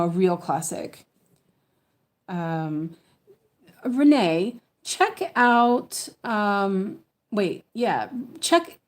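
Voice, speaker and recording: A woman chats at a slow, unhurried pace in a middle-pitched voice. Her s sounds come out slushy, close to sh, with a noticeable lisp. She rambles casually like a craft streamer, stopping to correct herself and think aloud. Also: darkish tone. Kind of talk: casual rambling chat while stitching.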